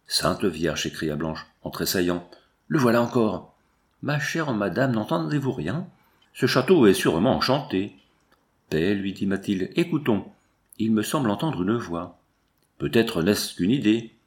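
A man narrating a classic novel as an audiobook, reading the dialogue of every character in a measured voice. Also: on the low side.

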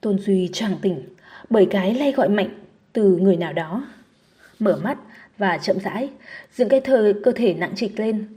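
A woman narrating a novel audiobook in a steady, measured reading style. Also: mid-range voice.

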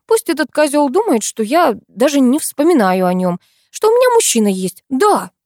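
A woman's voice: sits high, sing-song, darkish tone, no echo, clean studio sound, voice pushed up. Woman doing a flustered young office woman. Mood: anxious. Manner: pleading, impulsive, quick to panic.

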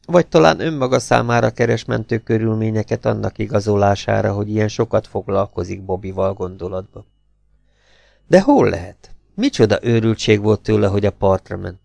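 A man narrating a pulp novel as an audiobook, reading in a lively, expressive way. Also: on the low side, vocal fry, no echo, clean studio sound.

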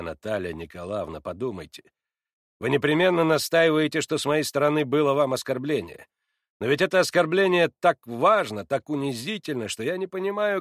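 Brief: a haughty old-world prince, read by a man, lowered voice, measured and condescending, dry sound. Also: no room sound, close to an everyday voice. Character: cold, self-righteous older aristocrat, a prince. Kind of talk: audiobook reading.

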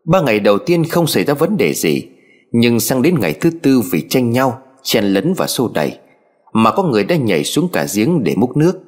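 A man narrating a story in a measured, dramatic way. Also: medium pitch, very animated. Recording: faint background music. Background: faint music.

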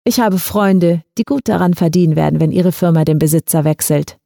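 A woman voicing a suave, polite man who calmly threatens his victim, in an audiobook short story. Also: fairly low pitch, no echo, studio quality. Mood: calm menace. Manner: smooth, unhurried, quietly threatening. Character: suave menacing male blackmailer, calm and polite. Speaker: audiobook reader.

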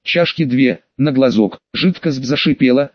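A man narrating an audiobook in a steady, even storytelling manner. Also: medium pitch, unhurried, no room sound. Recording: dull muffled dry audiobook recording.

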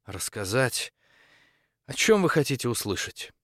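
A man voicing a composed, patient female church dean in an audiobook, speaking in a measured and polite way. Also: medium pitch, sing-song, a bit bright, no echo, studio quality. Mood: calm.

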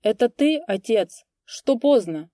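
A woman's voice: lively intonation, slow pace, dry recording, clean studio sound. A woman voicing a frightened old male village priest who cries out in a thin, quavering voice. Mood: puzzled. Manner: quavering, shrill shouting.

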